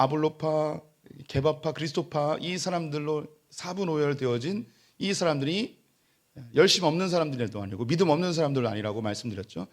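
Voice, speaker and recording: A middle-aged man, a pastor, preaching a sermon in a church sanctuary. He acts out boastful church members in quoted voices and rises to emphatic, raised-voice preaching. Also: fairly high pitch.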